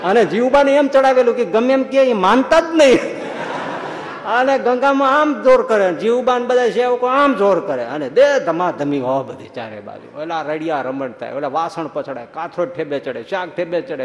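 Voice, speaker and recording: A male swami giving a storytelling sermon, lively and acting out the people in his stories. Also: sits high, moderate pace. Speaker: swami preacher. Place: large hall at a religious school. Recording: echoey hall, faint background hum.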